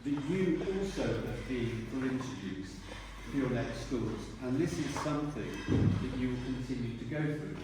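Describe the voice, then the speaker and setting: A man, a retiring teacher giving a rambling speech at a dinner and often clearing his throat. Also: medium pitch, lively intonation, moderate pace, hardly any pauses. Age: 60s. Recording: echoey hall from far off, noisy.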